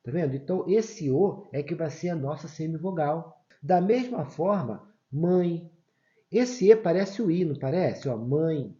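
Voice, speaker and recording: Male teacher, patient explainer, slightly high voice, dull lo-fi recording. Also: lively intonation, moderate pace, few pauses, mellow. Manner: explains patiently with frequent "tá?" check-ins. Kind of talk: online grammar lesson.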